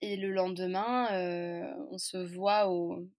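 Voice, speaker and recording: A woman's voice: lowish voice, flat delivery, slow pace, a little mellow. Chatty young French woman telling a story. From France. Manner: chatty, candid, hesitant with frequent fillers. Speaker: podcast guest. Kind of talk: casual storytelling interview.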